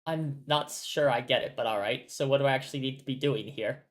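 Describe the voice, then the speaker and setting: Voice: medium pitch, fairly quick, lightly acted. Reader doing a kinda confused earnest teen boy, polite and plain. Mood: puzzled. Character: earnest, slightly bewildered teenage boy.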